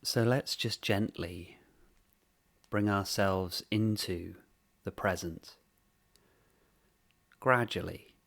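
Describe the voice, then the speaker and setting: Speaking in short phrases with long pauses, a man leads a guided meditation in an unhurried, gentle manner. His voice sits low and has a creaky quality.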